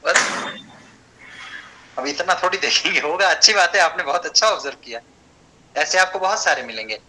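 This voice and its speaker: Man, teacher, online class, explains step by step, chants verses slowly, very bright tone. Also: on the high side, lively intonation, poor audio. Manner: explains step by step, often checks understanding. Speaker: Sanskrit teacher.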